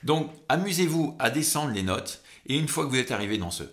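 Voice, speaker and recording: A man's voice: mid-range voice, lively intonation, brisk, fairly bright tone. A man giving an informal vocal technique lesson as a singing coach, conversational and instructional, drawing out key words for emphasis.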